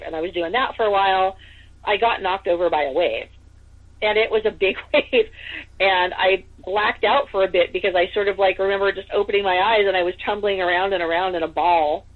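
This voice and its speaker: A woman from Northern California telling a personal story as a podcast guest, in a casual chatty way full of fillers. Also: mid-range voice. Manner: chatty, full of "like" and "you know". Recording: tinny phone-like line.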